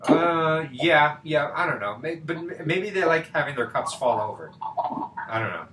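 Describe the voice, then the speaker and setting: A man's voice: on the high side, lively intonation, normal speed, fairly bright tone. Chatty male tutor on a video call. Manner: chatty, rhetorical questions, frequent fillers. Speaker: math tutor. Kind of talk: casual online tutoring. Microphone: computer mic on a video call. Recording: echoey room with faint background noise.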